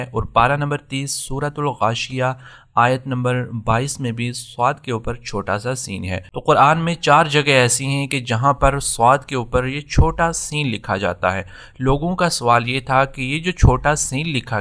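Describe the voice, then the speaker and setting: Bright-voiced male Quran teacher. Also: mid-range voice. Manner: patient, explanatory, repeats key points. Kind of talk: tajweed lesson with slow recited examples.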